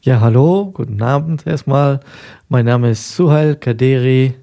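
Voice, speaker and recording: A man's voice: medium pitch, unhurried, dark tone. A man in his thirties from Afghanistan, a guest on a local radio show, telling his story in a hesitant way with many fillers. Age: 30s. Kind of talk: casual interview talk.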